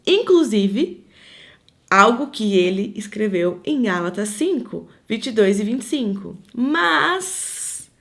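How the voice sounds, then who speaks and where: A woman's voice: medium pitch, big pitch swings, slow, gravelly, a bit bright. A woman leading a live devotional for women, teaching in an earnest, conversational way and weaving in personal stories.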